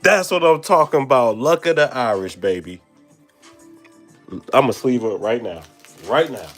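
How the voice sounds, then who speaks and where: A young man opening trading cards on camera, so hyped he keeps stammering and exclaiming. His pitch leaps all over the place while his words come slow and drawn out, with faint music playing under his voice. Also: lively intonation. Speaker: card-opening channel host. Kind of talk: excited unboxing vlog.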